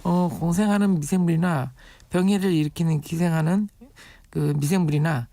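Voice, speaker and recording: A man's voice: a little high, fairly even intonation, normal speed, warm tone. A man on a radio show, a guest expert on urban farming, explaining patiently with everyday comparisons. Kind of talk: radio interview.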